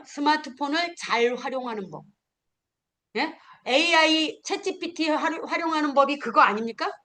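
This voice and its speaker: A middle-aged woman teaching a class of future smartphone instructors, animated, acting out learners and firing off questions. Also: high voice, normal speed. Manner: animated, acts out learners and scolding, punchy questions. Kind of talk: lively classroom lecture.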